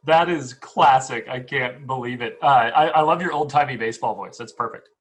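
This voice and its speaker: A man's voice: mid-range voice, normal speed, a bit bright. A man co-hosting a podcast, reacting enthusiastically in casual chat. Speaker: podcast co-host.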